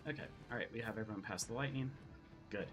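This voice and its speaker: A man's voice: on the low side, quick pace, over music. A man streaming a game, chatting casually and reading the game's text aloud with asides.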